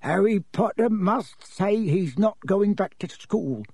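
A man's voice: high-pitched, lively intonation, takes it slowly, gravelly, a little mellow, slightly rough, no room sound, clean studio sound, pitched above the performer's own voice, exaggerated voice. A man voicing a small, anxious and servile but stubborn male elf, pleading as in an audiobook. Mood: sad, resolute. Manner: pleading, refers to self in third person. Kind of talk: audiobook character voice.

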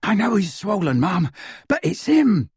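A man's voice: high voice, very animated, unhurried, a little mellow, slightly rough, no room sound, clean studio sound, voice pushed up, full character voice. A man voicing a piping, cocky young thug. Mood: eager. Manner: eager, piping.

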